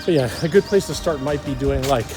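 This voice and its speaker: A man's voice: medium pitch, brisk, loud music behind the voice. A young man vlogging on a run outdoors, out of breath, joking loosely with lots of fillers. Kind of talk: casual vlog chat.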